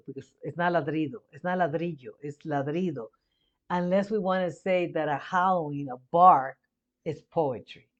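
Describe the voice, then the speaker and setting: A woman's voice: low-pitched, a little mellow. Bilingual woman chatting in a muffled recording. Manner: switches between Spanish and English mid-thought; chatty, restarts and repeats words while thinking aloud. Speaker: reaction video host. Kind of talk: casual reaction commentary.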